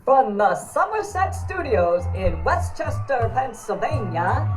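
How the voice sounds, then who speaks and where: A woman announcer giving a slow, drawn-out show intro. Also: a little high, sing-song. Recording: distant voice over loud intro music.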